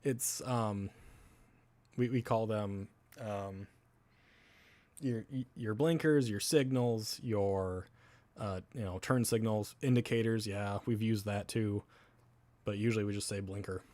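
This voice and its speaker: A man's voice: on the low side, darkish tone, no echo. A man from Wisconsin with a Wisconsin accent, rambling in casual live-stream chat with viewers, laughing often and swearing casually.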